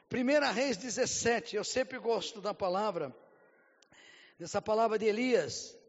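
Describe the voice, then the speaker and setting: Brazilian male pastor, high voice, testimony sermon in a long-echo hall, dull lo-fi recording. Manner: vivid storytelling that builds to fervent, near-shouted preaching; keeps repeating a stock phrase to the congregation.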